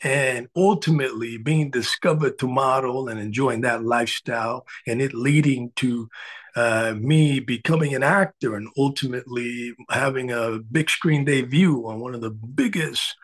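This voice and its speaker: A man's voice: medium pitch, moderate pace, fairly bright tone. A middle-aged man from the Dominican Republic, a spiritual coach speaking earnestly to a live audience with frequent filler sounds.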